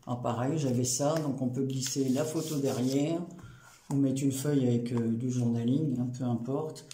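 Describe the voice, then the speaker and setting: A man's voice: mid-range voice, fairly even intonation, normal speed, dark tone. A man casually showing a handmade photo album, hesitant, with many fillers and restarts. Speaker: crafting channel host. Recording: roomy echo with faint noise.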